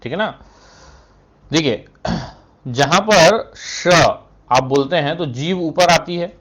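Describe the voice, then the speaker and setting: A man's voice: on the high side, slow pace, a bit bright. A male Hindi teacher explaining step by step in a classroom lesson, asking questions and answering them himself, with frequent "thik hai" fillers. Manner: keeps adding "thik hai" between phrases; clears his throat now and then.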